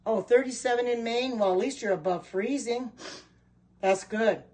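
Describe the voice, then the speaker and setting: This middle-aged livestream host from Oregon, who sells kitchen products, casually reads and responds to viewer comments as they come in. Her voice is mellow, on the high side, and moves at a normal speed.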